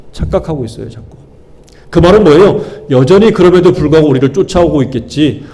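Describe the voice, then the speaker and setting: A male pastor with a high-sitting, darkish voice preaches a sermon. He fires questions at his congregation in call-and-response style and drives home key words by repeating them emphatically.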